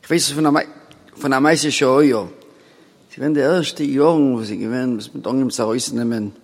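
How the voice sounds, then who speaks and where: A man with a mid-range voice and a steady tone rambles through a personal story, halting often with restarts and pauses and sometimes sinking to a quiet mutter. A long, echoing reverb hangs over the recording.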